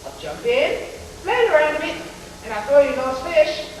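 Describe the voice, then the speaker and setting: A man's voice: very high-pitched, very animated. A teen boy playing a scheming hustler tramp. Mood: pushy. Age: teens. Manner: theatrical salesman's patter, drawn-out emphasis. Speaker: student actor. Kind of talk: 1980s high school stage play. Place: school auditorium stage. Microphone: distant camcorder mic. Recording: echoey auditorium, far from camera, hiss.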